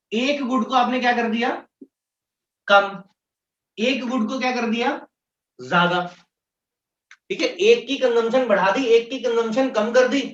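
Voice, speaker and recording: A man teaching economics, explaining step by step and slowly repeating key terms. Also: extremely high pitch, a bit bright. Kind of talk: classroom lecture mixing Hindi and English. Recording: echoey room, distant mic, dull sound.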